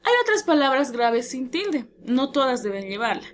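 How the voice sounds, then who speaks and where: A woman teacher giving a lesson, explaining clearly and drawing out key words slowly for emphasis. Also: high voice, very animated.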